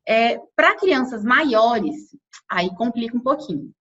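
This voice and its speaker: A woman's voice: fairly high pitch, animated, a little slow, fairly bright tone, muffled recording. Brazilian woman teaching with chatty tag questions. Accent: Brazilian Portuguese. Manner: conversational, frequent tag questions. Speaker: infant sleep consultant. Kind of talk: online workshop lesson.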